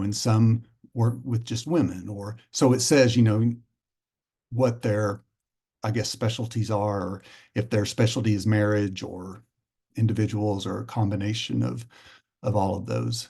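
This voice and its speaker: A man's voice: fairly low pitch, gravelly, darkish tone. A man, explaining how his counseling center handles intake in a loose, conversational way with many fillers. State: out of breath. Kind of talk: explaining on a video call.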